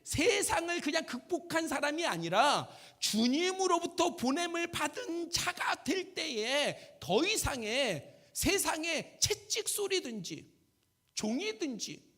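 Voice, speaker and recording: A male pastor preaching a sermon in an emphatic way. He repeats his phrases and at times rises to a shout. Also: very high voice. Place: church sanctuary.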